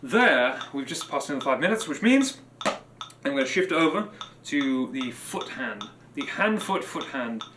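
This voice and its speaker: A man's voice: mid-range voice, big pitch swings, unhurried, background noise. A man who teaches drums, chatting casually on a live stream while practicing, musing aloud and chanting counts and drum syllables. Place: room with drum kit. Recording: roomy live stream with loud clattering percussion.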